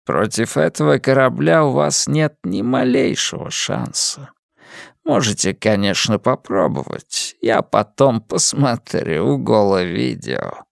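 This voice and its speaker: A man's voice: mid-range voice, big pitch swings, gravelly, no echo, studio quality, full character voice. A man voicing a frail old sci-fi villain. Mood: cold menace. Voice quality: weak rustling old voice. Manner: slow, measured, coldly polite.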